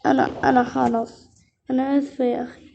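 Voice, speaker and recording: High frantic woman storyteller. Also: flat delivery, fast talker, gravelly, dark tone, lo-fi sound, a little hiss or hum. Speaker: storyteller voicing the heroine. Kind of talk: first-person role-play storytelling.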